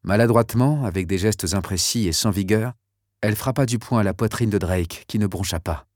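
A man narrating a novel in scripted, measured and steady storytelling. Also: on the low side, no room sound, clean studio sound. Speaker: audiobook narrator.

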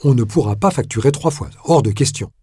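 A man's voice: mid-range voice, animated, fairly quick, dark tone, breathy edge. A man voicing a flustered, curt prefect. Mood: alarmed. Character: anxious middle-aged male prefect.

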